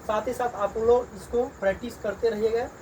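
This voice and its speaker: A man, a teacher slowly drilling beginners through letters and sounds in a reading lesson, repeating each one. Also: high voice, fairly even intonation. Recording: distant mic, loud crickets and traffic.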